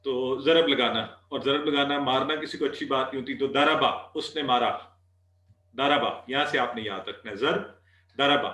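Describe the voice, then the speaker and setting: A man teaching an Arabic class, patiently repeating words slowly for students to drill. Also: medium pitch, sharp tone, roomy sound. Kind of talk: online class lesson.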